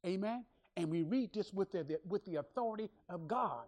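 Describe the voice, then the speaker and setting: A woman's voice: medium pitch, lively intonation, moderate pace, darkish tone. Emphatic woman preacher. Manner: repetitive, emphatic preaching with call-and-response. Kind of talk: sermon.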